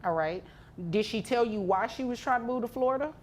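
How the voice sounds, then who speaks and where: A woman's voice: fairly high pitch, expressive, a little fast, slight background noise. A woman judge questioning a litigant in a courtroom, casual and probing, with dry teasing asides.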